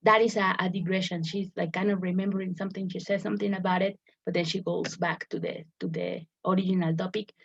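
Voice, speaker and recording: A woman's voice: on the low side, fairly even intonation, quick pace, creaky, few pauses, husky. A woman teacher explaining a lesson step by step, often repeating words as she searches for the phrasing. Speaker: English teacher. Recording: dull lo-fi recording.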